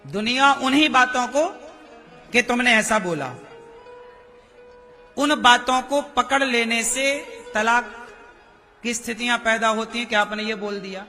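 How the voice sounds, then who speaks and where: A man giving a religious discourse, slowly questioning his listeners and acting out quoted speech. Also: extremely high pitch, sharp tone, soft background music. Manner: slow, questioning the audience, acts out quoted speech. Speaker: preacher.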